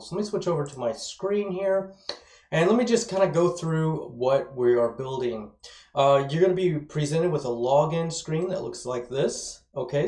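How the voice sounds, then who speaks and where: Teaching a web development course, a thirty-something man records a casual, enthusiastic screencast in a mid-range, darkish voice. His words come out slightly slurred, numb-mouthed as if fresh from the dentist. The small, bare-walled indoor room gives the audio an echoey, roomy sound.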